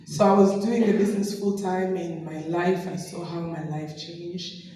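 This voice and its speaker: A woman's voice: fairly low pitch, little pitch movement, moderate pace, dark tone, a little hiss or hum. A middle-aged woman from Tanzania, giving an anecdotal personal testimony as a guest speaker and laughing often. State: recovering from a sore throat. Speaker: guest speaker, business distributor. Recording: echoey hall from far off.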